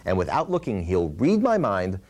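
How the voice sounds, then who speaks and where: A man's voice: low-pitched, wildly swooping pitch, moderate pace, a little mellow. A man hosting a puppet show as the ventriloquist straight man, asking questions in a patient, instructive way. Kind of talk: scripted puppet show patter.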